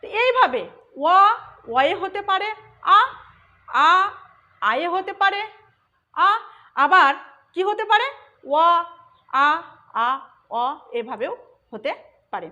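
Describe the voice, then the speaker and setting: A woman's voice: very high voice, big pitch swings, slow, long pauses, sharp tone, muffled recording. A woman teaching a grammar lesson for an exam, explaining step by step and asking and answering her own questions.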